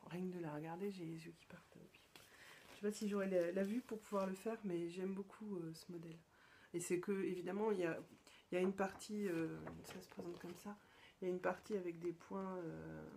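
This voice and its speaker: A woman from France hosts her own podcast in a casual show-and-tell chat, pausing often with fillers and restarting her sentences. Her voice sits low and mellow, and she sometimes drops into soft whispered asides. A faint noise runs underneath. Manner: hesitant, many fillers and restarts. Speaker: podcast host.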